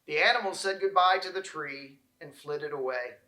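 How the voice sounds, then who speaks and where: A male narrator with a bright, fairly high voice reads a children's story aloud expressively, his phrasing deliberate, in an echoey room.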